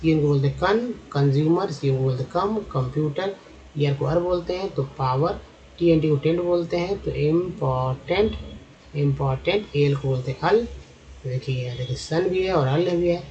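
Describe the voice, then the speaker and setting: A man's voice: fairly high pitch, normal speed, dark tone, highs cut off. A man teaching English phonics over slides, spelling out letter groups and then sounding out example words patiently.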